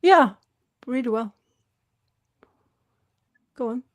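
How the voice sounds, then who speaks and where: Eager woman with a higher voice, video call. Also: lively intonation, dry recording. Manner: enthusiastic, halting, restarts phrases. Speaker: co-host. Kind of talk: casual livestream chat.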